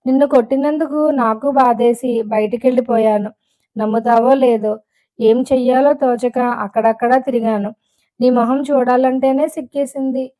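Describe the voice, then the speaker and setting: A woman's voice: fairly high pitch, steady tone, moderate pace, warm tone, natural voice. A woman reading the lines of a remorseful young husband who pleads earnestly with his wife in an audiobook. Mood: remorseful pleading.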